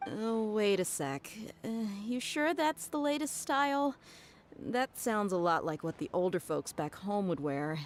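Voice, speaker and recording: A woman's voice: mid-range voice, animated, unhurried, slight background noise, natural voice. A woman voicing an easygoing young woman in a game who speaks hesitantly and candidly. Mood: wary. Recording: game audio with music behind.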